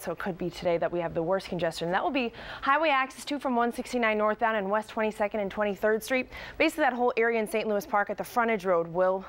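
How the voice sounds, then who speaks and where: A woman reporting morning traffic on live TV news in a brisk, upbeat, chatty broadcast manner. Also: mid-range voice.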